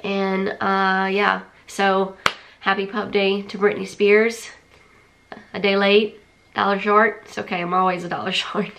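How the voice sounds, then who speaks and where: A woman vlogs casually to a camera or phone held at arm's length in a small room at home, sounding congested and rambling with many fillers and restarts. Her mid-range voice is flat, measured, creaky and a bit bright, with slight background noise.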